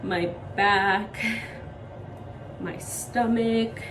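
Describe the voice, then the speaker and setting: A woman's voice: mid-range voice, steady tone, drawn-out words, distant mic, background noise. A young woman vlogging at home while sick, short of breath and with a sore throat, rambling casually with lots of "like" and "um". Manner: rambling, heavy use of "like" and "um". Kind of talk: casual chat to camera.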